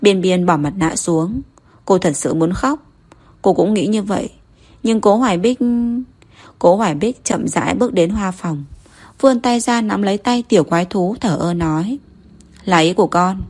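A woman narrating a novel in a steady, even reading voice. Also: medium pitch, normal speed. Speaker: audiobook narrator.

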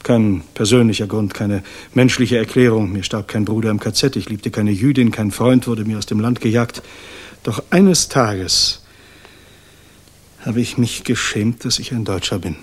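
Playing a guilt-ridden, grave idealist from the German resistance, this actor delivers his 1960s radio drama lines with a confessional, fervent mood. His male voice is fairly low and slightly husky, solemn and deliberate, broken by weighty pauses.

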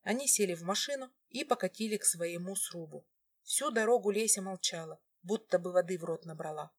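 Рассказчица, хрипловатый тембр, выразительное повествование. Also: female voice, fairly low pitch, a little fast, breathy edge. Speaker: audiobook narrator. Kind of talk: scripted narration.

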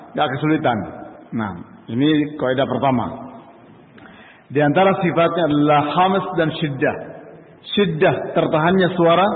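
A man leads a tajweed lesson, drilling letter sounds slowly and patiently and chanting syllables for his students to repeat. His voice sits a little high and moves at an unhurried pace. The recording is thin and phone-like, with a long reverb from a large hall. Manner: slow, patient, repeats letters and corrects pronunciation. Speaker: Quran recitation teacher. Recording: echoey hall, tinny phone-like audio.

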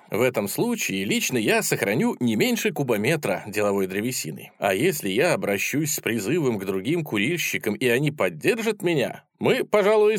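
A man reading a first-person satirical story aloud in a wry, expressive manner. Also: mid-range voice, dry recording, clean studio sound. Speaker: narrator.

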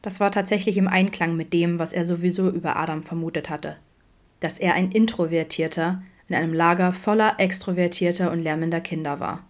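A woman narrating fan fiction as an audiobook in a calm, measured way. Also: fairly low pitch. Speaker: audiobook reader.

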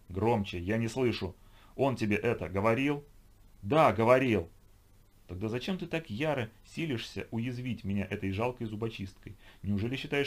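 A man voicing a calm, contemptuous inhuman twilight creature that taunts its human enemies. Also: medium pitch, natural voice. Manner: calm, mocking, superior. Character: cold, contemptuous inhuman twilight being, female.

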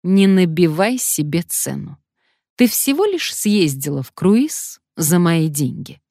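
A woman's voice: lowish voice, sing-song, slow, gravelly, warm tone, no room sound, clean studio sound, full character voice. A woman reading an audiobook, voicing an angry, threatening male sponsor who snaps and hisses menace. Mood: menacing. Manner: snapping, menacing.

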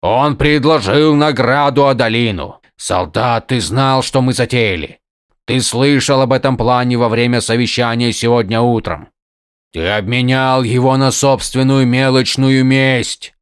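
A stern, weary older highlord, voiced by a male narrator, who lays down the law in firm, emphatic tones. His voice sits mid-pitched, and the audiobook recording is close and dry. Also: a little slow, dry recording, close to an everyday voice. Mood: scolding. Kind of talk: audiobook character voice.

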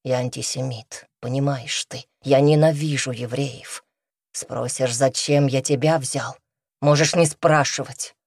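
A hulking, grim ex-convict robber from an audiobook, put on by a woman narrator. He speaks low and blunt, half muttering, with a husky, deep voice. Recorded close and dry. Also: fairly even intonation, measured pace, darkish tone, no echo, full character voice. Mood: weary. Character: huge gruff male ex-convict robber, grim.

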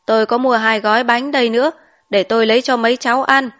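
A woman doing a young man back from the city who drives for a living, relaxed and a little boastful, in a slightly high voice. Heard in a storybook reading on a dull lo-fi recording. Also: quick pace, natural voice.

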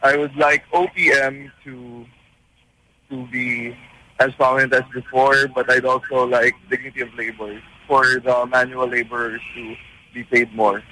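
A man's voice: mid-range voice, flat delivery, a little slow, bright, forceful tone, low-quality recording. A man calling in to a radio show, speaking hesitantly with restarts. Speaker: caller.

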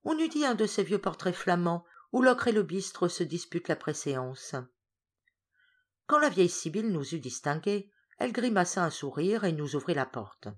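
Low-voiced woman reading a story aloud. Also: moderate pace. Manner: expressive, varied storytelling. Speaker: audiobook reader. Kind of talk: literary audiobook narration.

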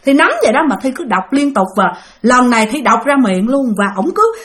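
A woman's voice: a little high, brisk. A woman casually telling a spooky first-person story, referring to herself in the third person and speaking directly to her listeners.

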